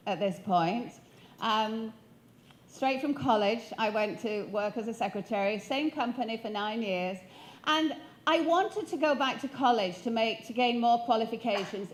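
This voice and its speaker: A woman's voice: on the high side, a little hiss or hum. A woman in her fifties from Sheffield, giving a keynote talk on stage into a handheld mic and quizzing the audience with questions. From Sheffield, northern England. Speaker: motivational speaker. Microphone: handheld microphone.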